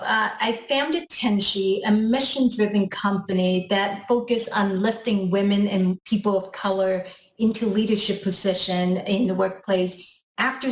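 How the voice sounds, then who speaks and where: A woman in her forties from Hong Kong, introducing herself on a webinar panel in a friendly, conversational way. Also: mid-range voice. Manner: friendly, conversational, some fillers. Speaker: panelist, company founder. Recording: roomy echo.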